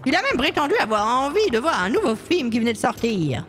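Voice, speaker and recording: A woman putting on a fretful older woman who runs a café, high-pitched and swooping through her lines. She hesitates and fusses over her husband as she speaks in this game fan dub, with soft music faintly behind. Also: sing-song, fairly quick. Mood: insistent. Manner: hesitant, fussy, many sighing fillers.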